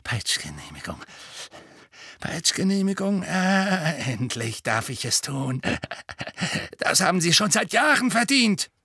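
Male reader voicing a wheezy, gleeful old caretaker; high, jittery muttering. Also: wildly swooping pitch, very slow, bright, forceful tone, slightly rough, dry recording, studio quality, exaggerated voice.

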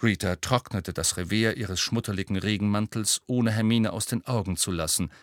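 A man reading a novel aloud as an expressive audiobook narrator. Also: lowish voice, normal speed, no echo, studio quality. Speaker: audiobook reader. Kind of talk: scripted narration.

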